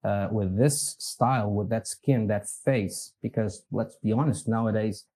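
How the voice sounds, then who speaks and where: A podcast guest who runs a company speaks with a Portuguese accent in a dark, low, unhurried voice. Relaxed and meandering in this casual interview, he laughs at himself every so often.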